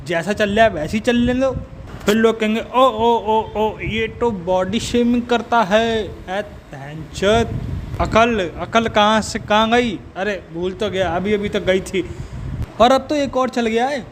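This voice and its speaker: High-voiced man ranting profanely. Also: slight background noise. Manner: abusive, mocking rant with frequent swearing. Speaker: comedic roaster. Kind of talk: profane comedic rant.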